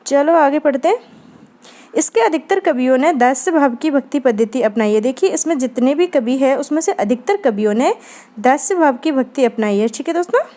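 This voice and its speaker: A woman's voice: high-pitched, animated, a little fast, mellow. A woman teaching an exam-prep literature lesson, explaining step by step and checking in with her students. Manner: explanatory, frequent "ठीक है दोस्तों" check-ins.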